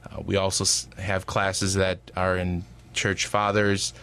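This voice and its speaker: Low smooth voice, late 20s guy from wisconsin, kinda hesitant, lots of uhs. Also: monotone, measured pace, pushed and bright. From Wisconsin, USA. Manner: hesitant, many uh and um fillers. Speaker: seminarian guest.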